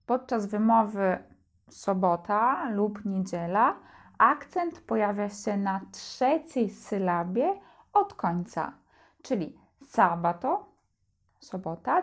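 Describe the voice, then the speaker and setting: A woman teaching an Italian lesson, saying words slowly and clearly for learners to repeat. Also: mid-range voice. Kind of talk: slow language lesson.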